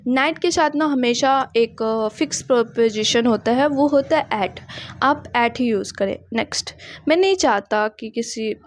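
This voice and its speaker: A young woman teaching spoken English, mixing Hindi explanation with slow, carefully repeated English example sentences. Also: on the high side, a little hiss or hum.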